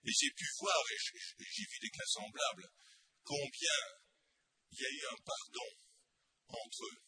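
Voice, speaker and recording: Male preacher, very bright and sharp tone, dry close sound; impassioned sermon, rhetorical questions. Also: extremely high pitch, huge pitch swings, measured pace, no room sound.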